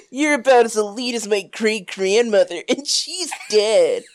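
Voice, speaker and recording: A woman's voice: on the high side, big pitch swings, slow, noisy background. A woman reading the lines of a blunt, threatening teenage gamer friend.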